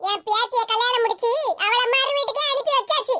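A woman voicing a sharp-tongued, offended old grandmother in an animated cartoon, with a Tirunelveli Tamil accent and a curt, sulky way of speaking. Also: very high voice, fast, dry recording.

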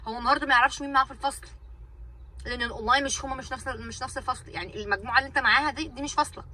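A woman's voice: sits high, rapid-fire, pushed and bright, distant mic, low-quality recording. A woman with an Egyptian Arabic accent, a mother and vlogger venting casually to her viewers in an exasperated, ranting way, repeating herself for emphasis.

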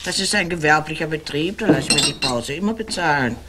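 A stubborn, shrewd cleaning woman with a low voice in a 1960s TV series. She talks in a dry, stubborn way while haggling. Loud noise sits under her voice. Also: animated, fast talker. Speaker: cleaning woman, Frau Buchner.

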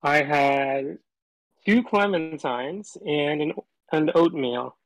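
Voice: mid-range voice, slow, no echo, poor audio. A caller talking through a voice changer that disguises the voice, chatting casually on a call and rambling with lots of fillers. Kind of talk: casual phone chat.

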